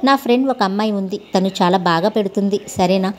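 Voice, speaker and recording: A woman reading a storybook voice for a kind, educated young woman who gently coaxes like an older sister. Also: mid-range voice, brisk, close to an everyday voice. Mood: reassuring.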